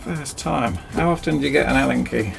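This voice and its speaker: A man's voice: mid-range voice, brisk, vocal fry, music in the background. A man chatting casually and self-mockingly as he rambles through a DIY project in his cramped home workshop. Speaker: DIY video host.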